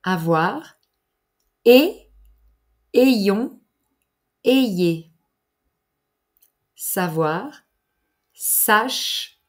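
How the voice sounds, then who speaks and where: Woman, unhurried language teacher, precise diction. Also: mid-range voice. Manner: deliberate, articulated teacher's delivery with pauses for exercises. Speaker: French teacher. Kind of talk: slow, clear grammar lesson.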